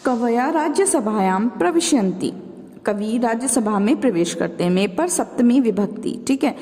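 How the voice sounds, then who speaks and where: A fairly high-pitched woman teacher, her tone mellow and dark, runs through revision exercises for her pupils. She poses questions and answers them herself, addressing the class as children. Her voice trails in a long reverb. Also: animated, moderate pace. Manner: explains step by step, asks and answers her own questions; calls listeners children. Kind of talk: exam revision lesson.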